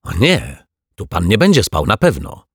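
A man voicing a gruff, blunt cleaning lady in a children's audiobook, scolding and suspicious. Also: sits low, wildly swooping pitch, a little slow, a bit bright, no echo, clean studio sound, full character voice. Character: gruff grumbling older female cleaning lady.

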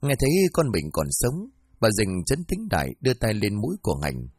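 A man narrating a village short story in an expressive reading voice. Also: lowish voice, brisk, breathy edge, dry recording. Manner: expressive, rising and falling reading.

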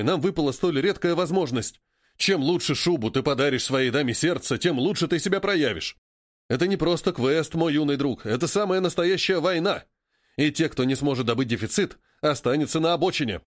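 A man's voice: a little high, dry recording, studio quality, lightly acted. A man voicing a bearded, scheming middle-aged man who talks a friend into a plan.

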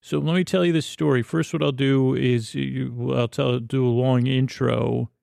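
A man with a creaky, gravelly voice drifts through a lulling bedtime ramble, pausing and correcting himself often. His pitch barely moves, and the recording is dry and close, with soft music underneath. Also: steady tone, no echo. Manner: lulling, soothing, meandering, with pauses and self-corrections. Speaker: sleep podcast host.

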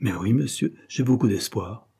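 A man's voice: lowish voice, expressive, moderate pace, gravelly, warm tone, breathy edge, full character voice. A man voicing an earnest, sensitive young male clerk, speaking in a raised, pressing way. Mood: polite.

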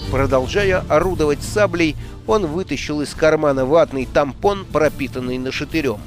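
A man reading an audiobook story aloud in steady, measured narration. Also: fairly high pitch. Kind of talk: scripted narration. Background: music.

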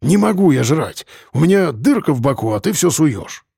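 A man's voice: fairly high pitch, sing-song, normal speed, dark tone, no room sound, clean studio sound, exaggerated voice. A man doing a grumbling older patient. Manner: grumbling, gruff.

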